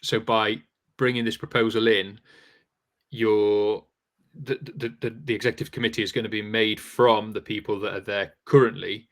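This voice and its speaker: A man's voice: on the low side, flat delivery, normal speed, a bit bright. A man hosting a live online Q&A, reading out viewer questions in a conversational way with many fillers. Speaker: host. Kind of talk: live Q&A show.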